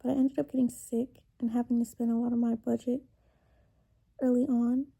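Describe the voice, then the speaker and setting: A woman in her twenties venting confessionally to camera, halting and tearful, with long pauses and words trailing off. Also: on the high side, level tone, gravelly, warm tone, slightly rough. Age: 20s. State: emotionally upset, tearful. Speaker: vlogger. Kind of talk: confessional personal vent to camera.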